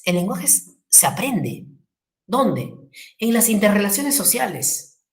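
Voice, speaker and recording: A man's voice: high-pitched, very animated, takes it slowly, reverberant. A male language teacher giving a classroom lecture, repeating key terms, spelling words out and asking the class rhetorical questions.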